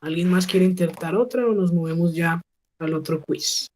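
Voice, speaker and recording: A woman teaching an English class over a video call. She models each phrase slowly and keeps checking with her students. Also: lowish voice, darkish tone. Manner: patient, slow model pronunciation with frequent check questions. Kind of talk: online class instruction.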